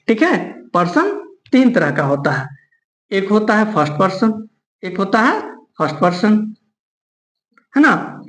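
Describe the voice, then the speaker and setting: Lively woman teaching grammar. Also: a little high, reverberant, low-quality recording. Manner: repeats key points, checks in with listeners. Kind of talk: classroom grammar lesson.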